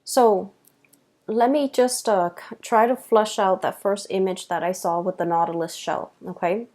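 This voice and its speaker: Woman, tarot reader, tired, hesitant, many fillers, mellow dark tone, mid pitch. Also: steady tone, unhurried. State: tired, late at night. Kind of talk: tarot card reading.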